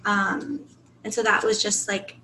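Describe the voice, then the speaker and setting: A woman's voice: medium pitch, monotone, a little slow, echoey room, heavy background noise. A woman in an online group sharing a personal experience earnestly, with many filler words. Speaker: workshop participant.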